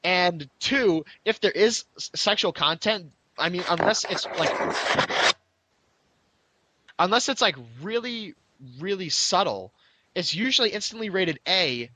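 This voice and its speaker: Bright-voiced man hosting a gaming podcast. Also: high-pitched, expressive, normal speed, no room sound. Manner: upbeat, loose, many restarts. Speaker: podcast host. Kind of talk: casual chat.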